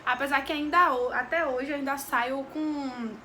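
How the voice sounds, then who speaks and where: A woman's voice: high-pitched, fairly even intonation, moderate pace, sharp tone, a little hiss or hum. A young woman from Brazil with a Bahian accent, telling a heartfelt, devout personal story in a vlog, repeating phrases as she goes. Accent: Bahian Brazilian Portuguese. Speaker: vlogger. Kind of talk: emotional personal testimony.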